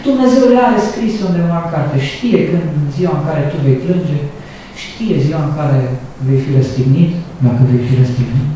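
A man's voice: a little high, lively intonation, mellow, slight background noise. Man preaching in an echoing church. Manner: conversational, asks the congregation rhetorical questions. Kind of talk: sermon. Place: church sanctuary. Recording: echoey church from a distance.

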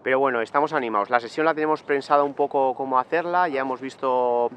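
A man's voice: medium pitch, quick pace, a bit bright, slight background noise. Male, thirties, breezy joking cyclist vlogging outdoors on camera. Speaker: mountain bike racer. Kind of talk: casual vlog chat. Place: outdoors on a hillside.

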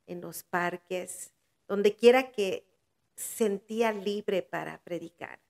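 A woman's voice: medium pitch, slow, vocal fry, darkish tone. An older woman preacher giving earnest testimony in a podcast interview, with heartfelt swells. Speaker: guest preacher.

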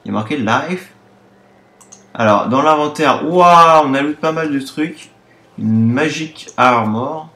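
Excitable teenage gaming commentator. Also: male voice, medium pitch, a little slow, reverberant. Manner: excitable, exclaims often. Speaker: gaming video host. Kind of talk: casual let's-play commentary.

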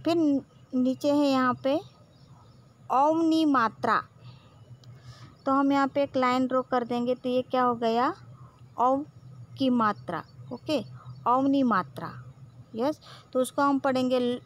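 A woman's voice: high-pitched, slow pace, long pauses. A woman teacher with a Gujarati accent who patiently drills syllables one by one, saying "okay" often. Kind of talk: slow classroom lesson.

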